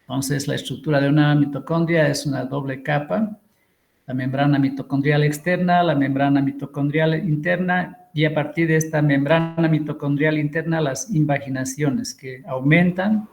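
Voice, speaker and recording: A middle-aged man, giving an online lecture and explaining with pauses and fillers. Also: fairly high pitch, fairly even intonation, creaky, darkish tone. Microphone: computer mic on a video call.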